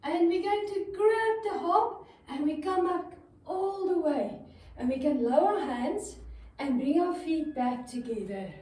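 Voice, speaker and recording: Speaking slightly slowly in a very high, expressive, mellow voice, a woman narrates a kids' story and walks children through yoga poses with easy, upbeat instructions one step at a time. It was recorded from a distance in a heavily reverberant room.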